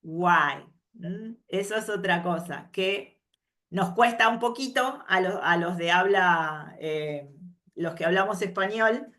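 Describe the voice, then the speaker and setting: This woman's lowish voice moves slowly as she leads an English workshop lesson, mixing explanation with carefully pronounced English examples. She follows each point with a gentle "mm?" to check understanding.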